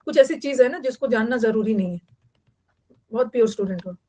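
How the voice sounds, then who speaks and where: Woman, vocabulary teacher, online class lecture, chatty, repetitive, slightly high pitch. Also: fairly quick, a little mellow. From Bihar, India. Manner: chatty, repeats key words for note-taking.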